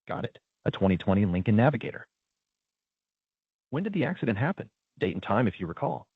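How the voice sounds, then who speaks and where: This synthetic male voice plays an automated claim agent, polite and procedural, reciting scripted customer service lines. It's on the low side, brisk and husky with a sing-song lilt, with no echo but a narrow, tinny phone-like sound.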